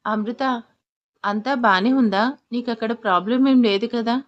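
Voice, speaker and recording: A kindly middle-aged mother-in-law speaks in a storybook drama, voiced by a woman narrator. She sounds warm and reassuring, with a fairly high voice on a dull, lo-fi recording. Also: measured pace, natural voice.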